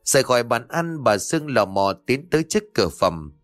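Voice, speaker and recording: A man narrating a ghost story in a steady, measured storytelling voice. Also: medium pitch, no echo, studio quality, faint music behind.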